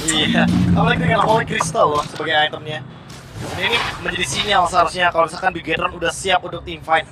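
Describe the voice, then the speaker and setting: A man's voice: sits high, fairly even intonation, fast talker, heavy background noise. A man working as an esports caster, explaining the play in detailed analytical commentary. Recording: loud music behind. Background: loud music.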